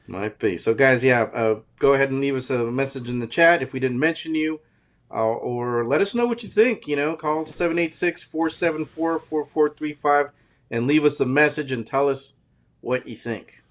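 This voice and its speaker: A man's voice: mid-range voice, moderate pace. A man co-hosting a casual soccer fan podcast, greeting viewers by name in an easygoing way. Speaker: co-host.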